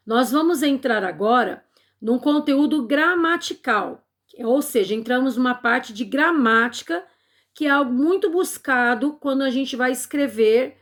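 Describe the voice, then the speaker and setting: A woman's voice: high-pitched, vocal fry. A woman teacher with a Brazilian accent, patiently explaining a grammar lesson to children step by step. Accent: Brazilian Portuguese. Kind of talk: remote Portuguese lesson for children.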